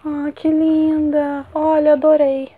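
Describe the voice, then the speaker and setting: A young woman vlogging an unboxing, gushing with excited exclamations as she opens gifts. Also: high voice, slow pace, narrow, tinny audio. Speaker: book vlogger. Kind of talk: unboxing vlog.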